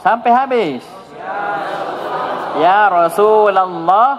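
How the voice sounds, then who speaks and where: A man from Indonesia leads a classroom grammar drill, pressing his pupils with brisk, coaxing questions. His voice sits a little high. The recording is muffled and lo-fi, with a long reverb like a hall. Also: a crowd in the background. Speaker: Arabic grammar teacher.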